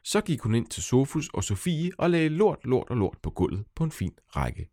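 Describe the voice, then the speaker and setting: A man's voice: mid-range voice, very animated, warm tone, dry recording, studio quality. A man narrating his own children's story, playful and speaking directly to young listeners. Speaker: storyteller and author.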